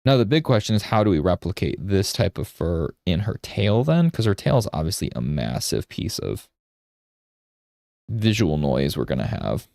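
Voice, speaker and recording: Thirties male art instructor, casual and chatty, lowish voice, dry booth-like sound. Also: very animated, moderate pace, creaky, darkish tone, dry recording. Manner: rambling storyteller, checks in with "right?". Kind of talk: casual teaching while drawing live.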